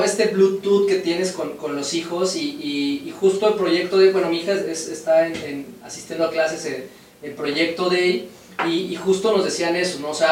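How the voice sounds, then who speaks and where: A host chatting casually with a guest, often checking in with tag questions and restarting phrases. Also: medium pitch. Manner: conversational, frequent fillers like "¿no?" and restarts. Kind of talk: casual interview chat. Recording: very echoey room with a distant mic and faint noise.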